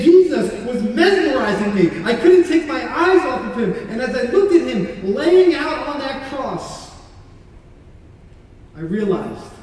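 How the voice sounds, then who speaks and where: A man acting out a remorseful condemned criminal in a church monologue, speaking earnestly and halting, repeating words as he goes. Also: sits high, darkish tone. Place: large church sanctuary. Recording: echoey hall from far off.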